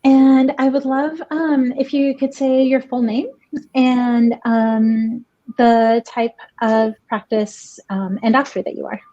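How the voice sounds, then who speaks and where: A woman's voice: fairly high pitch, level tone, takes it slowly. Curious woman podcast host, lo-fi sound. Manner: warm, curious, laughs easily. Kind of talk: casual interview. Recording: dull lo-fi sound.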